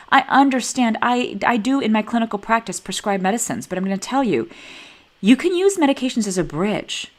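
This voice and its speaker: A woman in her forties, a neurologist, giving a conversational teaching talk with personal stories. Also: lowish voice. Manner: animated, conversational, acts out dialogue in stories. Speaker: neurologist teaching a master class.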